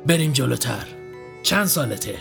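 A man voicing a calm, mysterious doctor who hypnotizes a patient, talking in a cool, measured, commanding way. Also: a little high, creaky, faint music behind. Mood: calm, controlled.

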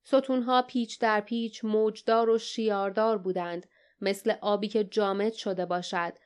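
A woman's voice: steady tone, clear, resonant tone. A woman narrating an audiobook, reading the characters' dialogue with a livelier, raised voice. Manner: reads dialogue with raised pitch and energy.

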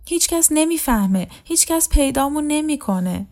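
A desperate young woman begs in a raised, strained voice, as a woman reads her part. Her mellow tone lifts higher with each plea in this audiobook story. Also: animated. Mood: tearful. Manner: pleading, pitched up.

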